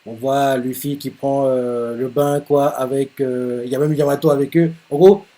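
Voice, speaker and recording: A man hosting a live manga reaction, retelling the chapter excitedly with lots of fillers and laughter, his voice jumping up high when he jokes. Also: moderate pace. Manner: jumps up high when joking.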